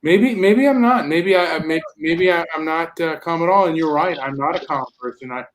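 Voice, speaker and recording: A man's voice: a little high, normal speed. A man hosting his podcast in casual chat, stammering and repeating words when pressed. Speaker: podcast host.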